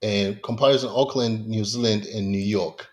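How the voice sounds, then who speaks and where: A man's voice: on the low side, steady tone, normal speed, darkish tone. A man hosting a podcast, asking questions in a loose, enthusiastic way with many fillers. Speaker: podcast host. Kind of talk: casual interview talk.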